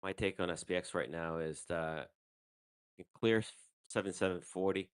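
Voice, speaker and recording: A man's voice: low voice, moderate pace, clear, resonant tone, no echo. A man hosting a live trading stream, talking casually through his trades with fillers and the odd swear, holding his mic in his hand. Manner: loose and conversational, with fillers and mild swearing. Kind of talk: casual live market commentary. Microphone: handheld microphone.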